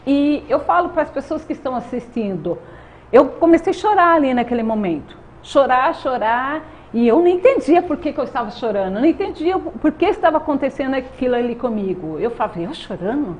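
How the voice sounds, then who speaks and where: A woman's voice: sits high, expressive, fairly quick, darkish tone. A woman in her thirties with a Brazilian accent, giving an earnest faith testimony as an interview guest and often adding "né?". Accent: Brazilian Portuguese. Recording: dull lo-fi sound with faint noise.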